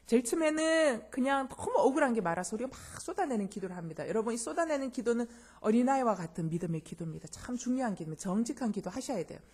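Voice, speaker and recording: A woman's voice: fairly high pitch, expressive, fast, few pauses, a little mellow, breathy edge. A woman pastor preaching a sermon, emphatic and speaking straight to her congregation with questions. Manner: addresses listeners directly and often.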